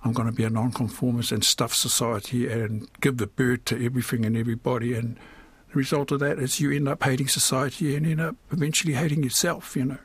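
An older New Zealand man, a guest in an interview, reflects on his own life candidly and colloquially, often dropping in "you know" and "eh." His medium-pitched voice barely moves in pitch and is slightly rough, delivered quickly with hardly any pauses and no echo.

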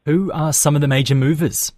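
A man's voice: fairly high pitch, steady tone, fairly quick, a little mellow, dry recording. A man presenting scripted business news on the radio and putting questions to guests. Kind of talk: scripted news reading and interviewing. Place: dry studio.

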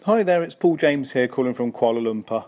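A man's voice: mid-range voice, expressive, brisk, darkish tone. A man calling a radio science show to tell an anecdote and ask a question. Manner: storytelling, then questioning. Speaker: caller. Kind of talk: recorded listener question.

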